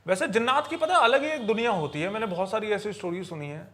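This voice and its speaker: This fast-talking podcast storyteller is a man with a notably high, slightly bright voice. He relates paranormal tales in a conversational manner, going back over phrases and rewording them to emphasize them.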